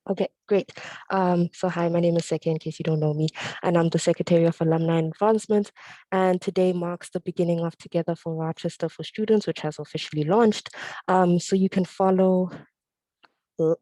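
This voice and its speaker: A young woman giving a hesitant update in a remote meeting. Her computer mic cuts in with glitchy clicks, and she fills her pauses with "um" and "uh". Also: lowish voice, steady tone, dark tone, no echo, low-quality recording. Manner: hesitant, many fillers. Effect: glitchy clicking mic audio. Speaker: student government secretary. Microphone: computer mic on a video call.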